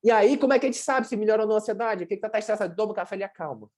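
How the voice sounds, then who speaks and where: In a very fast, medium-pitched voice that's a little mellow, a woman with a Brazilian Portuguese accent leads a casual sports nutrition workshop. Her teaching is blunt and chatty, peppered with slang and examples she acts out.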